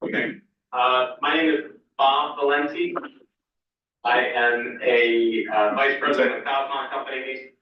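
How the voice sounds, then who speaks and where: A man's voice: mid-range voice, unhurried. Man on a phone held to a mic. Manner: steady, with frequent "uh" fillers. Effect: voice from a cell phone held up to a microphone. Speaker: business presenter. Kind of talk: formal presentation over the phone. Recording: muffled phone sound through a very echoey hall, from far off.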